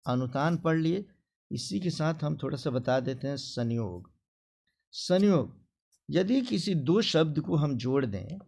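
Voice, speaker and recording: A male teacher explains a grammar lesson to children. He speaks slowly with a gravelly edge, and his pitch rises and falls widely. He acts out example phrases in a sing-song way. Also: warm tone.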